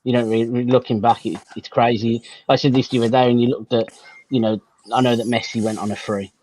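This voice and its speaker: Man, middle pitch, rambling, repeats words, casual podcast guest. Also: flat delivery, quick pace, darkish tone, slight background noise, poor audio. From Birmingham, England. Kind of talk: casual football chat.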